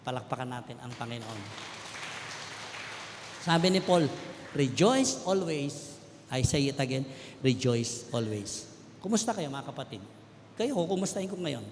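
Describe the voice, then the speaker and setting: A middle-aged man with a Filipino accent giving an emotional sermon testimony, telling his story in turns of loud urgency and hushed quiet. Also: mid-range voice, lively intonation, normal speed, long pauses. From Philippines. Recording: echoey hall with faint background noise.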